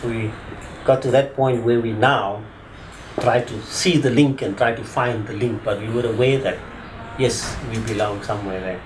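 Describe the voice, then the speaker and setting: In a casual oral-history interview, a South African attorney in his fifties talks loosely and rambles, leaning on fillers like "sort of." His medium-pitched voice is fairly even and moderately paced, and the low-quality recording carries slight background noise.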